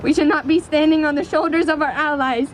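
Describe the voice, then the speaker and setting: A woman giving a prepared speech as an activist at a rally, speaking in an earnest, impassioned, deliberate way. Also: high voice, fairly even intonation. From Canada. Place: outdoors in a city square. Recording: outdoor public square with city traffic noise.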